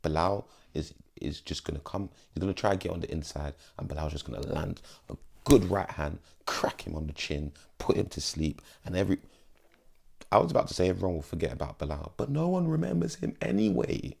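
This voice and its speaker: A man's voice: low voice, big pitch swings, a little fast, vocal fry, a little mellow, slightly rough. A young man giving casual, slangy fight predictions in an emphatic, pleading way. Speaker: MMA vlogger.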